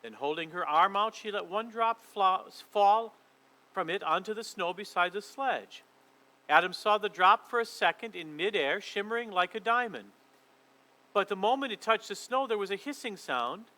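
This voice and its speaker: A man leading a children's church session and reading a storybook aloud in a lively, expressive way. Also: sits high, poor audio.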